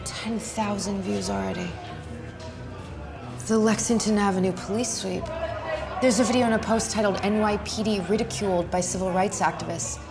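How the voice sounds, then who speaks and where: A woman plays a steady agency officer who takes charge and talks her boss down. Her mid-pitched voice stays firm and authoritative. Loud film music sits behind the film dialogue. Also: normal speed, vocal fry, close to an everyday voice. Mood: pleading. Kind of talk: action film acting.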